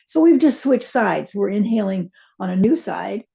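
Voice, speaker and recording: A woman teaching a chair yoga and meditation class, giving gentle, unhurried cues with soft asides. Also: mid-range voice, expressive, gravelly, slightly rough, lo-fi sound. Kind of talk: guided yoga class instruction.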